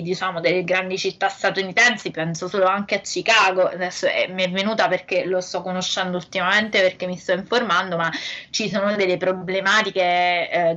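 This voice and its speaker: A woman's voice: fairly low pitch, steady tone, normal speed, pushed and bright. Woman on a dull, lo-fi call line. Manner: chatty, opinionated, teasing. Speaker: podcast co-host. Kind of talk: casual chat about wrestling.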